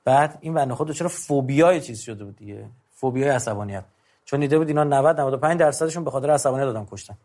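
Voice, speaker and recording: A man's voice: medium pitch, a little mellow. A middle-aged man giving an informal, conversational lecture, going through numbered tips with emphasis. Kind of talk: informal talk on controlling anger.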